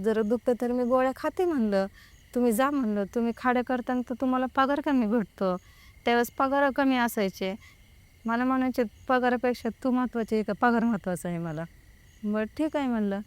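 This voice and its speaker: A woman's voice: on the high side, clear, resonant tone, no room sound. A young woman, recounting her own experience in casual speech and quoting the people involved. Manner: retells with many quoted exchanges. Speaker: guest telling her experience. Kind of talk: casual spoken account.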